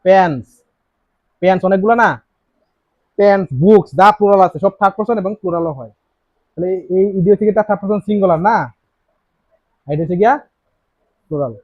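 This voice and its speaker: Male tutor, high pitch, keeps firing questions at the class, dry room. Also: fast, pauses often, dry recording. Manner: asks students many rhetorical questions; repeats key words. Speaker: teacher. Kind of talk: classroom grammar lesson. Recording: dry, slightly dull lo-fi sound.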